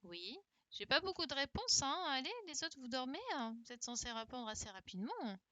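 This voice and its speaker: This primary school teacher talks fairly quickly in a high-pitched, sing-song, bright and forceful voice, with no room sound on her computer mic. On the video call she corrects worksheets and coaxes her young pupils by repeating her questions.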